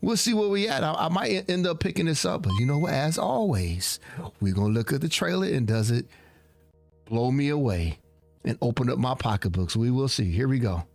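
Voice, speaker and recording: A man hosting a casual trailer reaction, talking in a halting way and repeating words as he goes. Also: medium pitch, expressive, gravelly, a little mellow, faint music behind. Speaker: host reacting to game trailers. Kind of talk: casual commentary.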